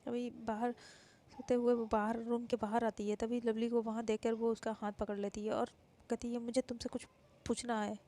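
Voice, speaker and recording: A woman's voice: on the high side, flat delivery, moderate pace, mellow. A woman narrating a romantic story in a casual, repetitive way, restarting phrases as she goes.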